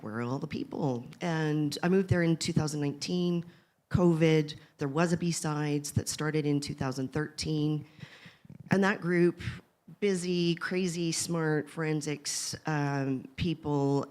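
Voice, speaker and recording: A woman from Saskatoon speaks on a conference panel in an unusually low voice. She is chatty and emotional and laughs often between thoughts. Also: darkish tone. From Canada (Saskatoon). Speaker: panelist, community organizer. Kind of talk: live panel discussion. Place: conference stage, live audience.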